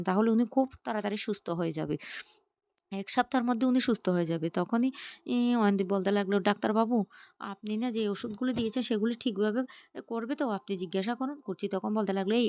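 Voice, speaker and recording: Fast-talking woman recapping a serial. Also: medium pitch, a little mellow. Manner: retells scenes, reading out every character's lines herself. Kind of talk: storytelling recap.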